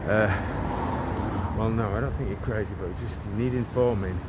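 A man from England in his forties speaks a little slowly in a fairly low voice, praying and preaching with fervor while walking along a residential street. He films himself on a phone at arm's length, frequently rambling and restarting, with outdoor street noise and passing traffic.

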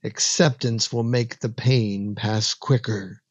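A man voicing a gaunt, hunched, inhuman doorman who speaks in a gruff, rumbling voice, soothing but commanding. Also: lively intonation, measured pace, dry recording, lo-fi sound, natural voice. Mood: calm command.

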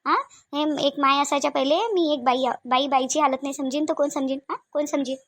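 A motherly older village woman fusses in a Varhadi accent for a cartoon, her voice high and her talk quick. She coaxes and repeats herself over and over. The recording is close and dry. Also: steady tone, a bit bright, no echo. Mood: comforting. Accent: Varhadi Marathi. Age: middle-aged. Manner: coaxing, fussing, repeats herself. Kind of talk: cartoon voice acting.

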